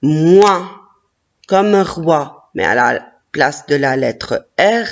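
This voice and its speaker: Very slow, patient reading teacher. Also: medium pitch, animated, lo-fi sound. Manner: sounds out words syllable by syllable and counts letters aloud; encouraging, frequent praise. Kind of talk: children's reading lesson.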